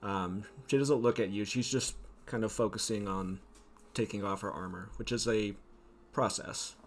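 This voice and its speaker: Low-voiced man narrating as game master. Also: a little hiss or hum. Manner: descriptive, unhurried scene-setting with frequent ums.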